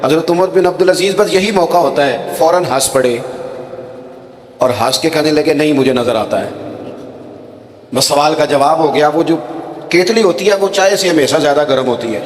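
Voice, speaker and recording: A man delivers a sermon and brings in acted quotes as he tells stories. His voice sits somewhat high. It carries a long echo, as if recorded in a large hall. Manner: storytelling with dramatic acted quotes. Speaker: preacher. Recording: echoey hall with long reverb.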